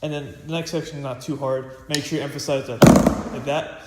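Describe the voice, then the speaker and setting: A man's voice: mid-range voice, steady tone, fairly quick. A teenage boy giving a casual snare drum practice lesson, rambling with lots of fillers and restarts. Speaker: student percussionist. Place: practice room with a drum pad. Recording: echoey room with loud hiss.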